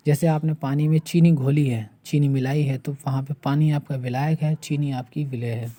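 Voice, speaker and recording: Patient teacher, very dark, mellow timbre, restates terms as they go. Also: medium pitch. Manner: step-by-step, rhetorical questions, restates terms. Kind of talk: explaining a chemistry lesson.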